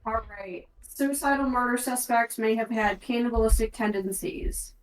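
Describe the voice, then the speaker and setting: A woman with a slightly high voice plays a tabletop game at a moderate pace, working through clues and reading handouts aloud. She sometimes trips over words, and the recording is distant from the mic with a roomy echo.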